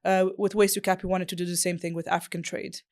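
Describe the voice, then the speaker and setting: A woman's voice: fairly low pitch, level tone, fast, darkish tone. A woman from Morocco, a business founder and interview guest, who answers fluently and thoughtfully with frequent fillers.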